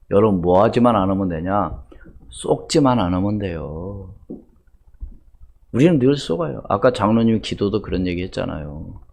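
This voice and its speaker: An older man preaching a Sunday sermon as pastor, asking the congregation rhetorical questions and swinging between loud emphasis and hushed asides. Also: on the low side, creaky. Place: church sanctuary.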